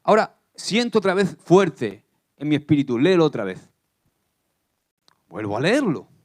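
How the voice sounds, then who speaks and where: A man from Spain preaching a sermon in church, animated and often asking the congregation questions. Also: fairly high pitch, moderate pace. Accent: Spanish from Spain. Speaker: pastor.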